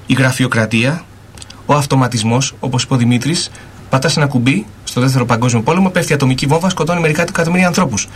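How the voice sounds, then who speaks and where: A male panelist on talk radio, lecturing steadily and stacking up his points. His voice is at a middle pitch for a man, with a faint background hiss. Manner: lecturing, listing points one after another. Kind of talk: explanatory radio discussion.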